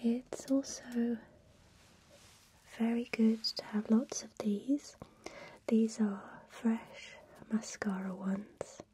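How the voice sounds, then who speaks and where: Slow whispering woman, soft and mellow. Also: a little high. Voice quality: breathy whisper. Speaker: spa technician roleplay. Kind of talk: ASMR whispered tutorial.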